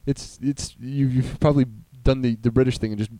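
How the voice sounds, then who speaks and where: A man's voice: mid-range voice, fairly even intonation, fairly quick, dark tone, no room sound. A young man telling a rambling, crude, joking story in casual chat.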